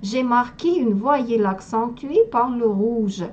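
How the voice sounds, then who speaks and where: A woman's voice: a little high, takes it slowly, darkish tone, lo-fi sound, a little hiss or hum. A woman from Russia with a Russian accent, teaching a language lesson and carefully pronouncing sounds one by one. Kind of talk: slow spoken language lesson.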